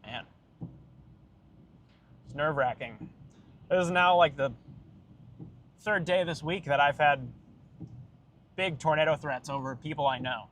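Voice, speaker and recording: A man's voice: fairly high pitch, a little slow, pauses often, a bit bright. A man giving urgent, anxious live storm-chasing commentary from inside a moving car. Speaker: storm chaser livestreaming. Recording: clear vehicle and road noise. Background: vehicle noise.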